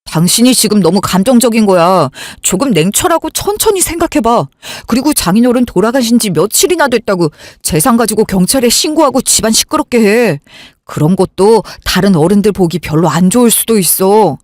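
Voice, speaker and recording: This is a calm, evasive husband, voiced by a woman in a radio drama. He talks in a low, soothing, stalling way. The sound is close and dry, with no room around the voice. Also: fairly quick, no room sound, natural voice. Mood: placating. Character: calm, evasive man, elder sister's husband. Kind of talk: Korean radio drama acting.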